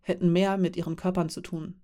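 A woman reading the lines of a calm, friendly man who is part elf and part dwarf, explaining things with quiet amusement. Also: on the low side, fairly quick, natural voice.

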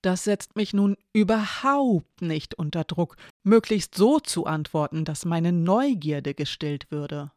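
A storyteller reading the lines of May, a thoughtful, gently ironic non-binary character who phrases things carefully, in a storybook reading. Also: medium pitch, normal speed, no room sound, clean studio sound, natural voice.

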